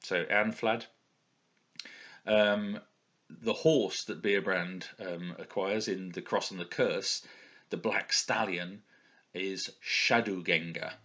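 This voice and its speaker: A man giving an informal explanatory talk as an author going through pronunciations, in a hesitant, halting manner as if thinking aloud. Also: deep voice, steady tone, fairly bright tone.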